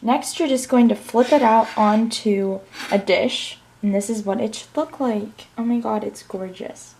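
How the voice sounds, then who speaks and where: Young female cooking vlogger, casual and chatty, voice on the higher side. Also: a little slow, a little mellow. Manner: chatty, talks straight to viewers.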